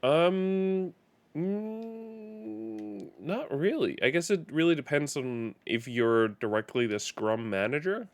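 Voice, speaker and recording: A man's voice: a little high, takes it slowly, vocal fry. A man live-streaming a video game, chatting casually in a rambling, self-correcting way.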